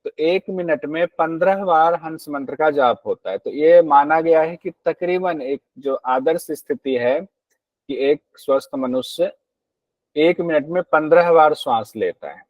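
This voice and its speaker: A man's voice: fairly high pitch, unhurried, no echo, muffled recording. A man teaching a class on a yoga text, explaining patiently, repeating key points and asking his students questions.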